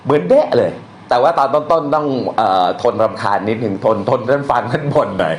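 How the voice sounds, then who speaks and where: A man with a medium-pitched, animated voice talks a little quickly as he teaches Thai poetry in a blunt, colloquial style, dropping slang and crude words and reading verses out loud. The room is echoey, with slight noise underneath.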